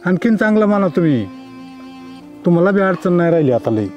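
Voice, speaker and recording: An actor playing a calm village elder who gives advice and consoles. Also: male voice, sits high, fairly quick, dull audio, soft background music. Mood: advising. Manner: advising, consoling.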